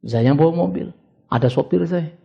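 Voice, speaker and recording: A man's voice: fairly high pitch, a little fast, creaky, warm tone. An older man preaching a sermon as pastor, conversational at times and then rising into urgent exhortation. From Indonesia.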